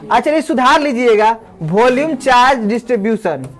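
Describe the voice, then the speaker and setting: A physics teacher in a classroom, dictating definitions slowly and repeating phrases, quizzing the class and calling students friend. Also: mid-range voice, lively intonation. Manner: asks the class questions and calls them friend.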